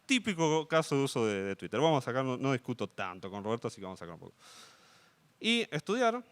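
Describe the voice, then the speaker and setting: A man's voice: medium pitch, sing-song, fast, smooth. A young man with an Argentine Spanish accent giving a live coding talk, checking in with his audience often. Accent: Rioplatense Spanish. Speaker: conference speaker.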